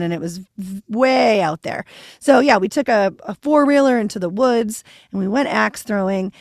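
A woman hosting a podcast, telling stories in a chatty, animated way. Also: mid-range voice, no echo, studio quality. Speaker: podcast host. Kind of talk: casual chat.

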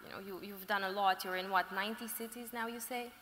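A woman's voice: medium pitch, fairly even intonation, quick pace, a little hiss or hum. A woman interviewing a guest on stage, asking questions in an encouraging manner. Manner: warm encouraging questions, laughs along. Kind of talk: onstage interview. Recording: echoey hall with long reverb.

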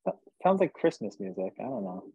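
A husky-voiced man from New Jersey talks in a loose, rambling way, joking and filling gaps with fillers. His voice comes through thin and tinny, like a phone line, with no room sound at all. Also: fairly low pitch, big pitch swings, fairly quick, mellow, dry recording. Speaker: musician guest. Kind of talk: casual interview chat.

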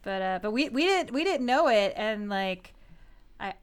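A woman's voice: mid-range voice, expressive, normal speed, clear, resonant tone. A woman in her thirties co-hosting a podcast, chatting casually with lots of "like," restarts and giggles. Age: 30s. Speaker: podcast co-host. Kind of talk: casual chat.

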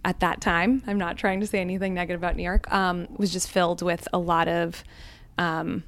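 A woman on the hot seat at a live event, telling personal stories in a candid, reflective way with frequent soft ums. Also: lowish voice, flat delivery, brisk. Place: live event before a small audience.

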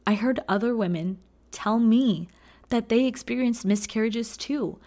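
A woman's voice: fairly high pitch, measured pace, dark tone. Woman reading an emotional personal memoir. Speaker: teacher and memoir reader.

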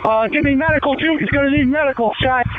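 A frantic, urgent police officer calling dispatch over a police radio in clipped, repeated phrases. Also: male voice, very high-pitched, fast. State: frantic and urgent, just attacked. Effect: police radio transmission. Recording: tinny police radio with siren noise.

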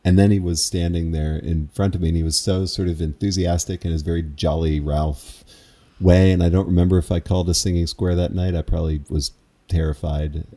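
A man's voice: deep voice, steady tone, a little fast, dark tone. A man who calls square dances, recalling in a casual interview how he learned his craft, in a meandering, reflective, self-amused way.

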